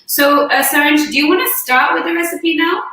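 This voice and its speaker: A woman's voice: high voice, fairly quick, bright, forceful tone. A woman hosting a live cooking demonstration from her kitchen. She talks through each step in a chatty, friendly way. She sits a little away from the phone or laptop mic, and her voice is heard through a heavy echo, like a big hall. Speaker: cooking host. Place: home kitchen on a video call. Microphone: phone or laptop mic set a little away from her. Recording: very echoey room with faint hiss.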